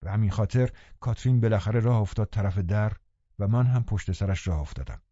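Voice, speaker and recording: A man narrating a classic novel in a calm, even storytelling manner. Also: fairly low pitch, no echo, highs cut off. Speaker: audiobook narrator.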